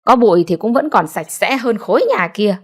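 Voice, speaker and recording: A woman voicing a bitter, sharp-tongued old mother-in-law who scolds and snaps at her family. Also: medium pitch, expressive, moderate pace, close to an everyday voice. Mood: snapping. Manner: scolding, snapping, grudging.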